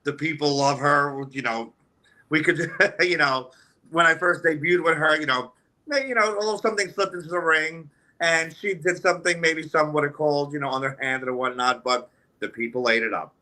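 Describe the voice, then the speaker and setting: A man with a sharp, bright tone talks as a guest on a radio show. He rambles, restarts his sentences, and leans on "you know" as he praises and sizes up wrestlers. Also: a little high, normal speed. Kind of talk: casual interview talk. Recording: remote call audio.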